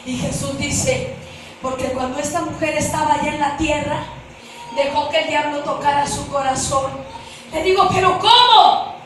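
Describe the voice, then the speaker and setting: A woman preacher giving an impassioned testimony sermon, pleading and shouting in emotional outbursts. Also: sits high, flat delivery, normal speed, a little hiss or hum. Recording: echoey hall, voice from far off.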